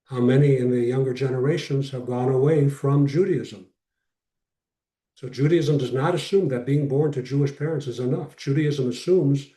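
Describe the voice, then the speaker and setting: A man's voice: mid-range voice, dark tone. A man speaking as a rabbi in an informal class over a video call, making his points emphatically with repetition and short phrases. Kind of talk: informal lecture with question and answer. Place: online video call session. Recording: roomy echo, distant from mic.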